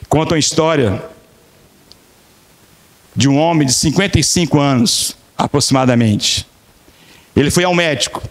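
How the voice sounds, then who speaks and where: A man preaching a sermon as pastor, telling stories with emphatic repetition and acting out the dialogues. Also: on the high side. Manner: dramatic storytelling, acting out dialogues.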